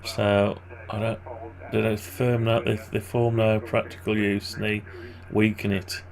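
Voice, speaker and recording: A man with a groggy, gravelly morning voice and vocal fry endings, giving casual, hesitant think-aloud commentary on his screen work. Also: fairly low pitch, flat delivery, measured pace, a crowd in the background. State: groggy morning voice, clearing throat. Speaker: maker narrating a design tutorial.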